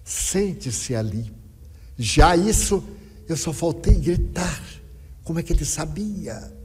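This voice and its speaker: Older male speaker, husky, dramatic lecture storytelling in an echoey hall. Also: fairly high pitch, slow pace. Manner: dramatic, lively storyteller quoting others. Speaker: spiritist speaker.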